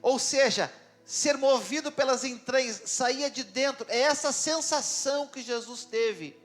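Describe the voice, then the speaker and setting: High-voiced pastor preaching. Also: male voice, measured pace, fairly bright tone, faint music behind. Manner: dramatic, conversational, with questions to the congregation. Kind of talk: sermon. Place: church.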